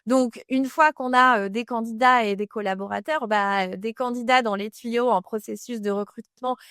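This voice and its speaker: A woman's voice: fairly high pitch, fairly even intonation, moderate pace, fairly bright tone, clear, resonant tone, dry recording, studio quality. A woman consultant explaining employer branding in a direct, casual way, talking straight to the listener with frequent fillers.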